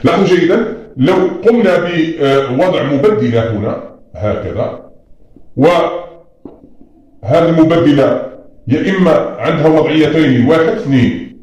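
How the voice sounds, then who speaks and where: A man's voice: mid-range voice, darkish tone. A man teaching a lesson, patiently explaining at a board and often telling students to look closely. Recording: very echoey room.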